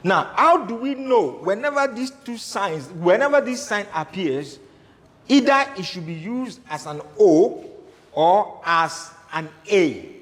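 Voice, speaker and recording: A man's voice: sits high, animated, slow pace, fairly bright tone. A man giving a Hebrew grammar lecture, repeating his points and asking the class questions. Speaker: Hebrew teacher. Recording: echoey hall.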